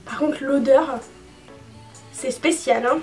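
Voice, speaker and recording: Chatty high-voiced young woman vlogger. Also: slow, a little mellow, far from the mic, faint music behind. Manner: chatty, frank, many fillers. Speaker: beauty vlogger. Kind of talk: casual product review.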